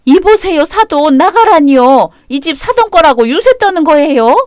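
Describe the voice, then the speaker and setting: A woman voicing a pushy middle-aged mother-in-law who speaks in a shrill, indignant and rude manner. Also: big pitch swings, normal speed, darkish tone, dry recording, clean studio sound.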